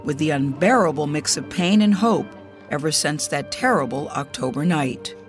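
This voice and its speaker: A woman narrating a news feature in a measured, serious way. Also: low voice, lively intonation. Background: music bed.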